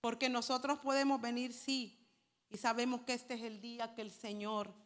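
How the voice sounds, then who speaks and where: A woman's voice: fairly high pitch, level tone, moderate pace. A woman preacher delivering a sermon to her congregation, calling them brothers and explaining Hebrew words for holy. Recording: hall reverb.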